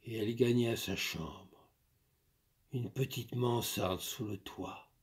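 A man narrating a literary story in a measured, expressive reading. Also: on the low side.

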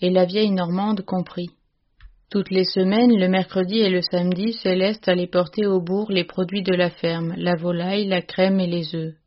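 A woman's voice: lowish voice, highs cut off. Woman reading a classic tale aloud. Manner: measured, expressive storytelling. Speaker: narrator. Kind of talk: audiobook reading of a classic story.

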